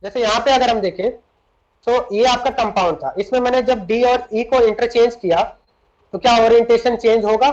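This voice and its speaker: A man's voice: very high-pitched, fairly even intonation, normal speed, a little mellow. A man teaching chemistry in a lecture, switching between Hindi and English, explaining step by step and often asking his students questions. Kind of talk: classroom lecture. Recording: dull lo-fi recording.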